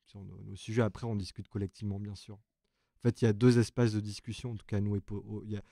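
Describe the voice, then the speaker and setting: A male journalist with a low, warm, mellow voice talks casually from an open newsroom and thinks aloud as he explains things at length. The sound is dry and close, with almost no room around it. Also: little pitch movement, fast, vocal fry, dry recording. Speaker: journalist on the ecology desk. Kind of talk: casual live chat.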